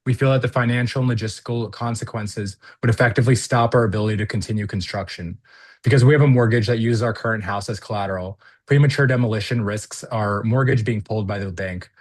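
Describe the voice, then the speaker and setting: A man comes through a video call, his low voice reading a prepared statement. He sounds earnest and pauses now and then on fillers. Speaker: applicant at a zoning hearing.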